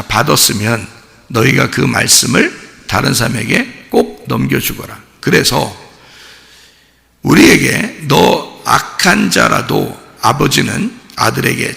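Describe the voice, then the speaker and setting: A man, a pastor, preaching an early-morning sermon with fervent intensity, questioning the congregation directly and rising to shouts at his peaks. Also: mid-range voice, creaky. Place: church sanctuary. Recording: church hall reverb.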